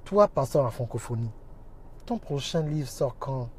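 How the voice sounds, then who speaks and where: A man's voice: medium pitch, animated, unhurried, a little mellow, slight background noise. A man talking on a casual livestream, preaching emphatically and greeting viewers by name as he goes. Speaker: minister and social media teacher.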